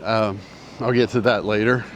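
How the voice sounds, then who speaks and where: A man's voice: fairly low pitch, fairly even intonation, moderate pace, a little hiss or hum. A man in his sixties telling a personal story in a casual, rambling way, out of breath and often repeating himself. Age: 60s. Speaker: vlogger. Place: outdoors with mountains in view.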